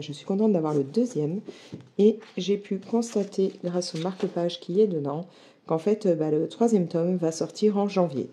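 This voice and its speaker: Chatty woman with a low, dark voice. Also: a little hiss or hum. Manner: chatty, many fillers, enthusiastic. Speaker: book vlogger. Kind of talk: casual book haul chat.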